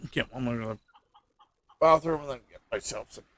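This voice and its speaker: A man talking quickly and offhandedly while gaming, saying what he's about to do next. His voice sounds dry and close, with no room around it. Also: medium pitch, a bit bright, no room sound. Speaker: gamer on a stream. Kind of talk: casual chat while gaming.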